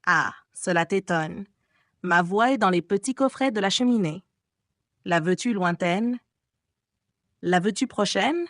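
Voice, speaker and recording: A woman's voice: mid-range voice, unhurried, pauses often, no echo, clean studio sound, natural voice. A woman voicing a cruel masked male phantom from an audiobook who mockingly taunts a young woman. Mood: taunting. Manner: taunting, theatrical.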